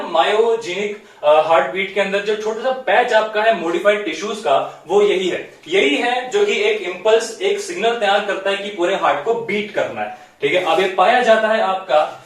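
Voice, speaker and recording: Man, high voice, biology teacher, step-by-step explaining, very echoey room, distant mic. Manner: explanatory, repeats "theek hai" often, mixes English terms. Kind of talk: whiteboard biology lesson.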